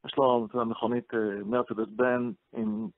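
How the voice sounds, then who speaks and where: A man, a rabbi and radio guest, telling a story from his past in an interview, halting with fillers as he goes. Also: medium pitch, big pitch swings, vocal fry, no echo. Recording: phone-line radio call, dry.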